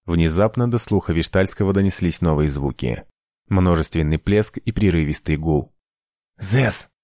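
A male audiobook narrator reading in an even, measured way. His voice is deep and low. The recording is dry, with no room sound. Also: dry recording. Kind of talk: scripted narration.

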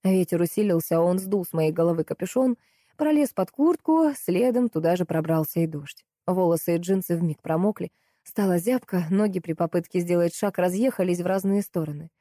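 A woman narrating a first-person audiobook in a steady, lively storytelling way. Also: fairly low pitch, moderate pace, no echo, studio quality.

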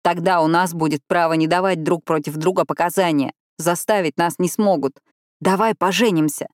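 Lady reading a crying young guy, lowish voice, dry sound. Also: normal speed, no room sound, lightly acted. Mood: distraught. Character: distraught young man pleading.

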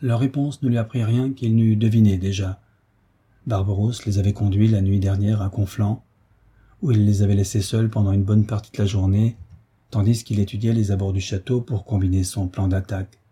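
Husky, mellow-voiced male audiobook narrator. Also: fairly low pitch, steady tone, moderate pace. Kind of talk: scripted narration.

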